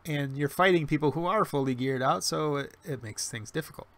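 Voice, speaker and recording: A man in his forties hosts a casual livestream, reading and chatting with the chat through a webcam mic. His voice is fairly high, a bit bright and a little fast, and he rambles with restarts and fillers, sprinkling in wry, self-deprecating humor.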